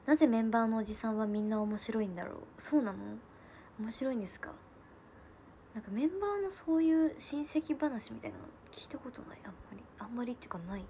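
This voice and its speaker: On her livestream, a Japanese host in her twenties chats about her family and responds to viewer comments, laughing often and slipping in quiet asides. She speaks quickly in a fairly high voice with lively intonation, over slight background noise.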